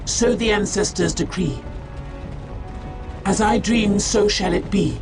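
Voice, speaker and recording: A man's voice: high voice, slow. A man voicing a devout, dreamy alien warlock mystic in a video game, with solemn ritual delivery. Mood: reverent. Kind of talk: video game unit voice lines. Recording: loud game music behind. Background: loud music.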